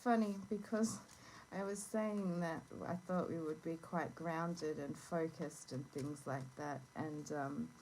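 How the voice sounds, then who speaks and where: A woman who is unwell with a sore throat, giving a casual, halting card reading as host, with gentle instructive asides. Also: sits low, fairly even intonation. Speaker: tarot and oracle card reader hosting a reading. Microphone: phone. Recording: noisy phone recording with clicks.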